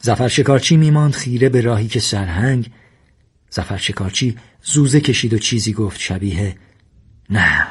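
A man narrating a story in a steady, measured reading voice. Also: mid-range voice, breathy edge.

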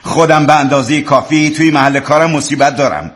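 A man's voice: fairly high pitch, fairly even intonation, fairly bright tone. An actor playing a stern, irritable middle-aged father who brushes off his family. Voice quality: gruff, dismissive. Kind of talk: family drama acting.

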